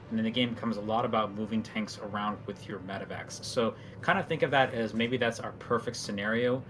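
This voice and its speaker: A man's voice: medium pitch, fairly bright tone. A man casting a live video game match as host, chatty and explanatory as he breaks down the play. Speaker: esports caster.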